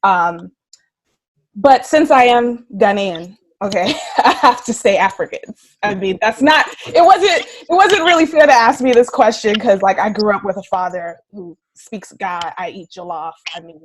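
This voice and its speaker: A woman on a casual discussion panel, speaking in a measured way with hedges and fillers as she reasons aloud. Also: mid-range voice, expressive, rough recording. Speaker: panel guest.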